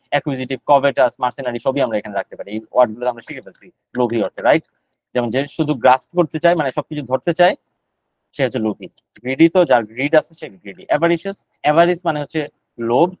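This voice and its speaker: A man runs a live online GRE vocabulary class. He explains each word in a rapid, steady stream of Bengali with English terms and filler sounds mixed in, saying every word several times over. His voice sounds close and dry, with no room around it. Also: medium pitch, no echo, rough recording.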